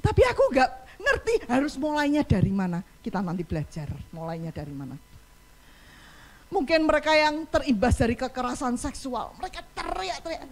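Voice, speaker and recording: A woman pastor with a high, very animated voice preaches an impassioned sermon in church at a slightly fast pace. She acts out pleading cries for help.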